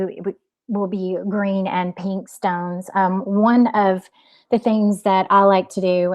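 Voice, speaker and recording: Slow, even-toned woman giving a healing talk. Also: on the low side. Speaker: spiritual coach and energy healer. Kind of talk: informal guided healing talk.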